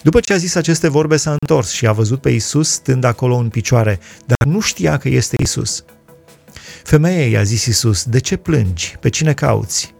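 A man reading Bible passages aloud and explaining them in a measured way, citing chapter and verse. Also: mid-range voice, expressive, creaky, darkish tone, soft background music. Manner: measured reading with scripture references. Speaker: Bible teacher.

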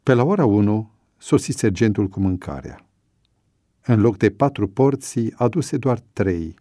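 A man narrating an audiobook story in a measured, even storytelling voice. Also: fairly low pitch, no echo, clean studio sound.

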